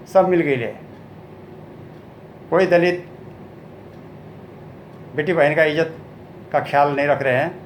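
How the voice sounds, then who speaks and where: Bhojpuri-accented male folk singer, raised pitch, gravelly texture; spoken narration alternating with sung verses. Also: a little hiss or hum. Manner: slow, drawn-out sung lines between spoken narration. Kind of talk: spoken storytelling broken by sung ballad verses.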